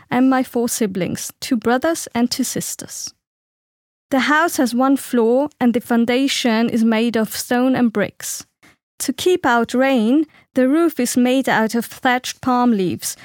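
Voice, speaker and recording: Young woman, from Sri Lanka, fairly high voice, dry close recording, calm scripted lesson reading. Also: no room sound. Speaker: speaker in a listening exercise. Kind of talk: scripted first-person narration.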